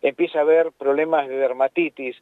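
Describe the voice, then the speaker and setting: Rioplatense vet man calling in by phone, fairly high voice, patient explainer. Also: fairly even intonation, brisk, no room sound. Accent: Rioplatense Spanish. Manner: explanatory, repeats words. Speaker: veterinarian. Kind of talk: casual radio chat. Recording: tinny phone line.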